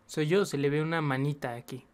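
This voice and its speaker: Young male reaction host, upbeat and chatty, drops English slang, voice a bit high. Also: steady tone, brisk. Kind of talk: casual reaction commentary.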